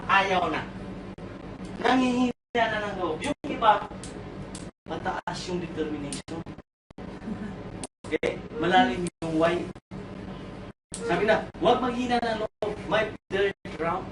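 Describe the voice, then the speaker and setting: A man giving a comic motivational talk to an audience at a sales orientation, teasing them and asking questions. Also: extremely high pitch. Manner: animated storyteller, teasing, asks the crowd questions; mixes in English phrases. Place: seminar room with audience. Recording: echoey room, far from mic, noisy.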